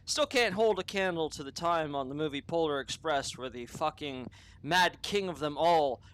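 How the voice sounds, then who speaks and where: A man's voice: on the high side, moderate pace, fairly bright tone, a little hiss or hum, low-quality recording. A man hosting an unscripted opinion podcast, talking in a rambling, profane monologue full of restarts and tangents. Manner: rambling, profane, self-interrupting. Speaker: podcast host.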